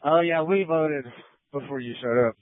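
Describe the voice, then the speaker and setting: A man's voice: on the high side, moderate pace, dry recording. A man speaking over a walkie talkie from the field, steadily relaying route and traffic details. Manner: steady, explanatory relay of directions. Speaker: field unit at a cycling event. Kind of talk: radio traffic. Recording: tinny, dry two-way radio.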